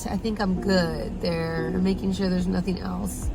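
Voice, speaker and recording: A woman's voice: fairly low pitch, flat delivery, measured pace, music in the background, rough recording. A woman vlogging casually from her car at a drive-thru, talking in a chatty, upbeat way with plenty of fillers. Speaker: vegan food vlogger and mom. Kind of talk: casual vlog chat.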